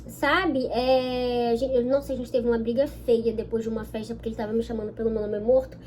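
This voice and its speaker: A woman's voice: fairly high pitch, little pitch movement, quick pace, a little mellow. A young woman with a Brazilian Portuguese accent, telling a personal story to her viewers in a chatty vlog, often checking in with them. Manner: chatty, keeps checking in with listeners. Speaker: vlogger.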